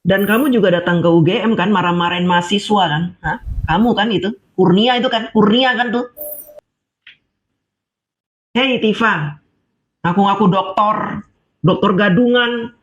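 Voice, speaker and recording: High-voiced man scolding sarcastically. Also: moderate pace, pauses often, fairly bright tone. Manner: scolding, sarcastic, rhetorical questions. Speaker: online commentator. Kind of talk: ranting monologue to camera. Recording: dull lo-fi audio.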